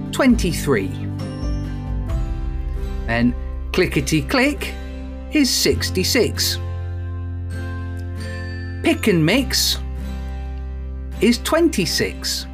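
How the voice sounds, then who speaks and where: A podcast host reads out announcements like a bingo caller. The delivery is slow and deliberate, with a lively, swinging pitch, and music plays behind the voice. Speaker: podcast host reading prayers, quiz and sign-off. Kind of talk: scripted podcast narration.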